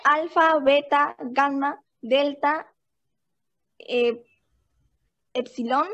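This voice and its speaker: High-voiced woman reciting slowly, muffled sound. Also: steady tone, a bit bright. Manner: slow, careful reciting. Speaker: student.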